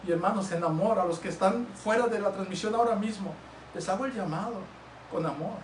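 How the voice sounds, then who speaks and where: Male pastor, earnest sermon delivery, high voice, captured distantly in a roomy church hall. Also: brisk, a little hiss or hum. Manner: earnest, swings between loud exhortation and hushed storytelling.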